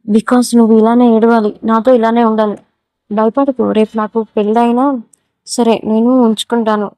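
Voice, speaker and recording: A cruel, domineering young man, harsh and threatening, read out by a woman storyteller. The voice stays flat and mellow, fairly high for its delivery, recorded close and dry. He taunts coldly in a Telugu audio story. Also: moderate pace, dry recording, lightly acted.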